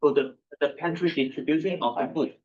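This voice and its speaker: A man on a council asks his questions haltingly, stopping to search for words. His voice sits a little high for a man. He is far from the microphone, and the sound is muffled. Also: darkish tone. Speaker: council member. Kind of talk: meeting questions. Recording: distant muffled mic.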